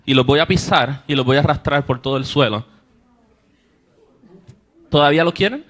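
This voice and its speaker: At a moderate pace and in a fairly bright, higher voice, the young preacher recounts a personal experience to the congregation. He brings the people in his story to life by acting out their words, his voice lifting with emotion.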